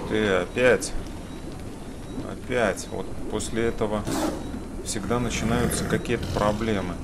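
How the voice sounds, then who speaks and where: A man with a fairly low voice comments casually on the game he is playing. He mutters to himself and addresses his enemies in mild slang. Loud rumbling game noise runs behind him. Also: steady tone, a little slow. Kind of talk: casual let's play commentary.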